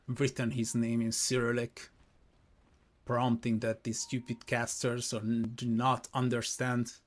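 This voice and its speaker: A man's voice: medium pitch, a bit bright. A man casting a live esports match solo, chatty and talking straight to his viewers, often correcting himself mid-sentence. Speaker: esports caster. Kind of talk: live game commentary.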